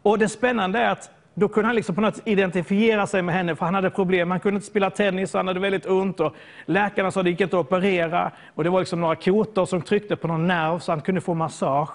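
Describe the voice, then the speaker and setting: A man's voice: high voice, fairly even intonation. A man from southern Sweden preaching a sermon, telling stories and often repeating words as he searches for them.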